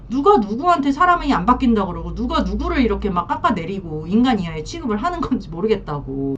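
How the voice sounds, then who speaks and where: A woman counselor giving emphatic, animated advice on marriage problems, heard slightly distant and dull. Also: fairly high pitch, a little hiss or hum. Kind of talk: advice monologue.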